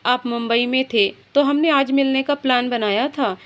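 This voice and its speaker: A woman's voice: high voice, normal speed, muffled recording, lightly acted. A woman voicing an affectionate young fiancée in a storybook tale, speaking in a sweet, coaxing way.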